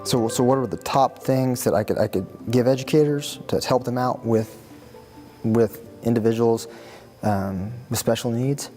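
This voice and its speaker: A man, an educator answering interview questions and telling stories in an earnest, husky voice that often repeats words as he gets going. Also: medium pitch, moderate pace, dark tone, soft background music. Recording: reverberant room.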